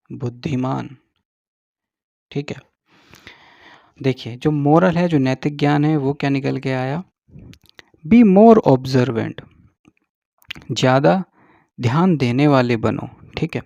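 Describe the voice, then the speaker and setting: A man teaching English in a slow, explanatory lesson, drawing out each English word and checking in with the listener after every point. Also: mid-range voice, vocal fry, mellow, no room sound. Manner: slow, drawn-out English words, repeats with "ठीक है".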